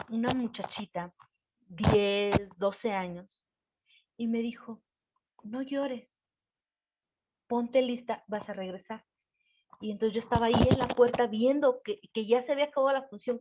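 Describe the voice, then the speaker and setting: A woman's voice: fairly high pitch, brisk, highs cut off, background noise. A woman telling a personal story in a casual, hesitant way, with many fillers.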